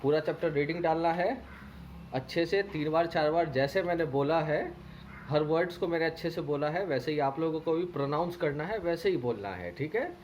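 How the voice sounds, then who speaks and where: In this primary school English lesson, a man with an Indian accent reads a children's story slowly, repeating words and spelling them letter by letter. He has a fairly high, darkish voice. The highs are cut off, and there's a little hiss or hum.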